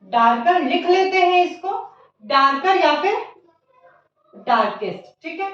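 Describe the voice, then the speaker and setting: A woman teaches a grammar lesson in a very high, slow voice, repeating each word and asking her class what it becomes. The recording is very echoey and dull, as if she stands far from the mic in a bare room. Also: lively intonation. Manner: slow, repeats key words and asks the class questions; mixes Hindi with English terms. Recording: echoey, distant, dull lo-fi sound.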